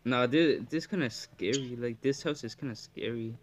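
A man's voice: mid-range voice, moderate pace, noisy background. A young man casually commentating a horror game with a friend, as a scared, jumpy streamer who exclaims a lot.

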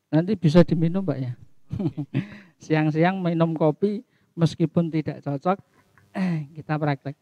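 A middle-aged man, teaching an English lesson online and slowly repeating phrases with their translations. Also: a little high, no echo, lo-fi sound.

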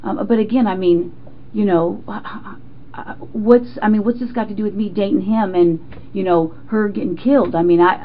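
A woman's voice: medium pitch, fairly even intonation, normal speed. Casting: middle-aged American woman, jittery accused suspect under police questioning, stammering and defensive; dull recording with faint noise. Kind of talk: informal police interrogation interview. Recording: muffled, noisy interrogation room recording.

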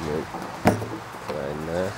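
A man in his thirties, stuffy-nosed from a cold, casually walks through a DIY job step by step as he works outdoors under a shelter in the rain. His voice rumbles low, steady and unhurried. It's a DIY vlog captured on a lapel mic, with light rain audible behind him.

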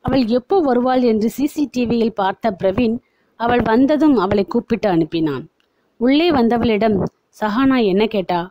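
A woman reading a novel aloud in steady, even narration. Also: a little high, moderate pace, no echo, dull audio.

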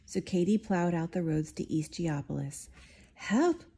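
A woman reading a picture book aloud, giving the characters lively, expressive voices. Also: lowish voice, moderate pace, a little hiss or hum. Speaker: storybook reader.

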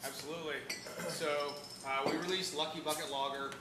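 A man in his thirties chats easily as a brewery guest, explaining things plainly. His voice sits a little high. The sound is roomy and echoey, with a clear hum of bar noise behind him. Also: level tone, brisk. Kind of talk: casual chat. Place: bar with bottle shelves, indoors.

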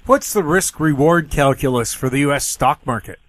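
A man's voice: on the high side, moderate pace, fairly bright tone, no echo. A man hosting a radio interview and asking questions plainly. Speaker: radio show host.

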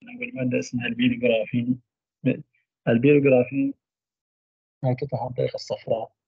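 A man giving a university radiology lecture, trailing off mid-phrase into drawn-out fillers. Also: mid-range voice, level tone, breathy edge, no room sound. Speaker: medical lecturer. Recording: dull lo-fi dry recording.

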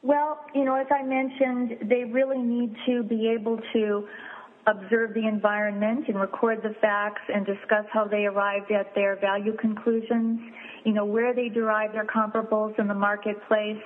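A woman appraiser answering interview questions in a measured, explanatory way, listing points step by step, heard over a phone line. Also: medium pitch, level tone. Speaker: fine art and wine appraiser, guest. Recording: tinny phone line with faint hiss.

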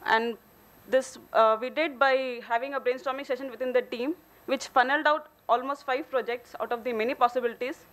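The audio is poor, but the voice comes through high, a bit bright, and a little fast, with fairly even intonation. She's a company engineer with an Indian accent giving a formal technical case study from a stage podium in a hotel conference hall.

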